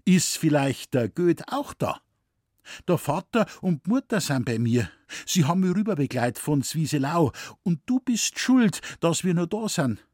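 Casting: male reader doing a young village girl, higher and eager, slightly husky. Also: sing-song, moderate pace, darkish tone, dry recording, studio quality. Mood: earnest.

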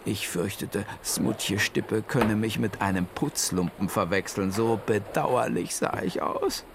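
A man voicing an old male owl who tells his own adventure in a playful, lively children's audiobook style. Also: on the low side, takes it slowly, creaky, background noise. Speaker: first-person storyteller. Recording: music playing under the voice. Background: music.

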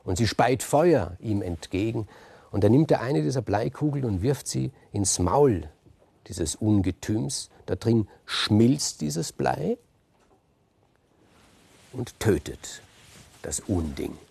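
A man retells an old myth as a storyteller, casual and lively, with chatty asides. His voice is dark and husky with a gravelly grain, recorded very dry and close. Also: on the low side, slow pace, no echo. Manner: lively, conversational, fond of asides. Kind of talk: free oral retelling of a myth.

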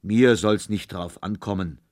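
A man voicing a giant, menacing forest spirit who talks loud and booming in a storybook reading. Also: a little slow, close to an everyday voice. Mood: coaxing. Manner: loud, booming, coaxing then threatening.

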